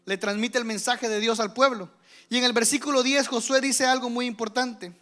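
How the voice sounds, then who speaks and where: A male pastor preaching a sermon, swinging from loud exhortation to hushed whispers and acting out the voices of the doubting crowd. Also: extremely high pitch, steady tone, moderate pace. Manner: acts out the doubting crowd's voices in his telling.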